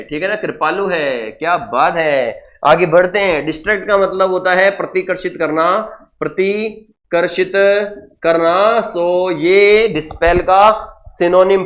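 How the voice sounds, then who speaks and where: A man's voice: sits high, a bit bright. A man teaching English vocabulary in an online exam-prep lesson, explaining in Hindi mixed with English and often repeating key words. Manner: addresses students as guys and sir, frequent checks like okay.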